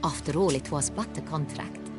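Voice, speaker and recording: Game role: a woman playing a regal duchess, formal and ceremonious, over clear game music. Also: low voice, normal speed, natural voice. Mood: ceremonial. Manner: formal, stately court speech. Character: gracious regal duchess, ruler of a realm.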